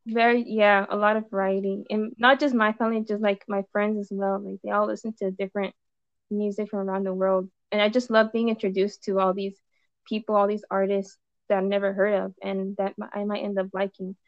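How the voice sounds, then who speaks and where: A woman's voice: mid-range voice, little pitch movement, brisk, no echo, lo-fi sound. A woman of twenty-one from Los Angeles, a musician chatting loosely as a podcast guest with many fillers. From Los Angeles, USA. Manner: rambling, many "like"s and trailing restarts. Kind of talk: casual podcast chat.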